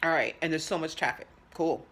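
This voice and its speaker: A middle-aged woman telling a story in casual chat, animated, dramatic and profane. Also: low voice, brisk, husky. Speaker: vlogger.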